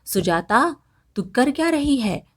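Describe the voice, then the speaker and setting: A woman's voice: high-pitched, sing-song, slow, voice pushed up, exaggerated voice. A woman voicing a stern, scolding middle-aged mother-in-law in a storybook tale, harsh and bossy. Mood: angry scolding.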